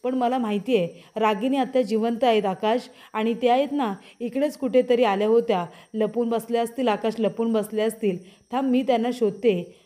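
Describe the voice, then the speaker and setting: A frightened young wife from a TV serial pleads and insists that she is telling the truth, voiced by a woman narrator. The voice is slightly high and mellow, and it is full of anxious urgency. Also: normal speed, close to an everyday voice. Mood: insistent.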